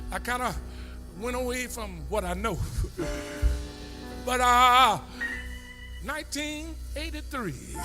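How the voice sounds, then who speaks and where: A man preaching a sermon in a church with a Southern American accent, calling out to the congregation and rising into a sung, chanted whoop. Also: very high-pitched. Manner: call-and-response, dialect-rich, emotional chanting.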